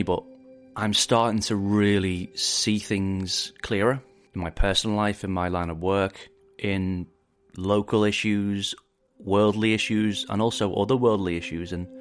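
Deep-voiced Liverpool man narrating a podcast. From England. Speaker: podcast host, film director.

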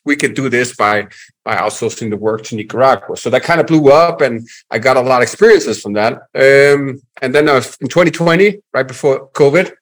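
A man's voice: medium pitch, brisk. Danish-accented man telling his story. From Denmark. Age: 40s. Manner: frequent fillers and restarts, reflective. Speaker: guest. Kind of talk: casual interview storytelling.

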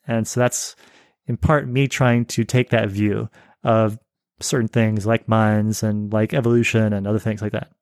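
A man's voice: lowish voice, level tone, normal speed, clean tone, no room sound. A man speaking as a podcast guest in casual conversation, thoughtful and explanatory with dry humor. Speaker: guest, newsletter writer.

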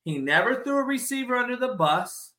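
A man hosting a casual sports debate, loud, opinionated and ribbing, blunt and profane, repeating his points for emphasis. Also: very high-pitched, big pitch swings, a little fast. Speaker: sports talk show host.

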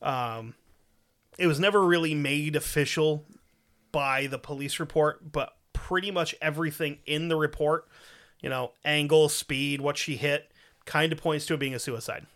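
A man's voice: on the high side, moderate pace, fairly bright tone. A man hosting a podcast, telling a true crime story in a crude, profane, joking way. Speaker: podcast host.

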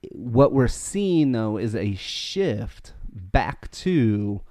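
A man co-hosting a faith podcast, talking fast and earnestly, often restarting his sentences. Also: medium pitch, very animated, mellow, no echo, clean studio sound. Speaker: podcast co-host. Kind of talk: casual faith podcast chat. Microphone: podcast mic.

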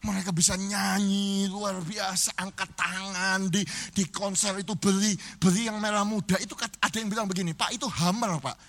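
Preaching a humorous sermon before a live church crowd, a middle-aged male pastor keeps addressing the congregation and breaks into singing and shouting. His voice is high and level, at a moderate pace with few pauses.

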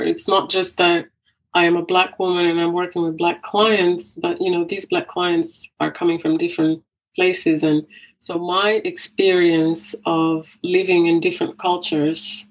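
Brief: woman from Angola, psychotherapist guest, thoughtful and unhurried, voice a touch low. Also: level tone, rough recording. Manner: reflective, with frequent restarts and soft laughs. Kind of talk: conversational interview.

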